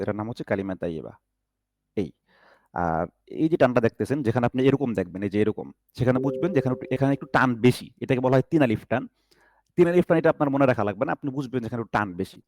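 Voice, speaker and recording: A man's voice: medium pitch, darkish tone, dry recording, clean studio sound. A man teaching an online recitation class, patiently stretching out each syllable as he demonstrates and often checking that his students follow.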